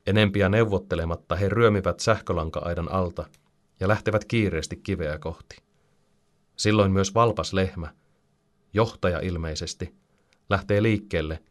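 Brief: low-voiced male narrator, calm storybook delivery. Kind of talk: storybook reading.

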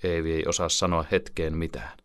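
A man narrating a children's story calmly as an audiobook reader. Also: extremely low pitch, clear, resonant tone, no room sound, studio quality.

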